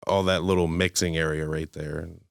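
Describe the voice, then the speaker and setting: Podcast guest: deep-voiced man, even and flat, smooth clean sound, hesitant restarts. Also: fairly quick, dry recording, studio quality. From Pittsburgh area, US. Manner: hesitant, repeats words at starts. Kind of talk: casual interview chat.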